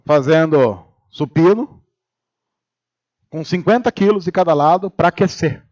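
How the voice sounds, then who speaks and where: Lively, high-voiced man preaching. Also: a little slow, dull audio. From Brazil. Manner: animated storytelling, acting out quoted voices. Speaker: pastor. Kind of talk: humorous sermon. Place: church.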